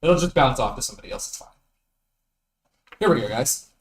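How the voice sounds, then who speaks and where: A man's voice: mid-range voice, expressive, fairly quick. A man at a tabletop game narrating his character's actions in the first person. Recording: echoey room with faint hiss.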